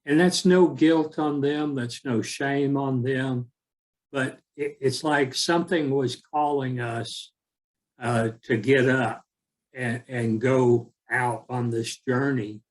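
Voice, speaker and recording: A man of seventy, giving an unhurried, rambling talk as an author, often repeating words as he searches for them. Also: mid-range voice, fairly even intonation. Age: 70s. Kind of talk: slow reflective talk with poetry reading.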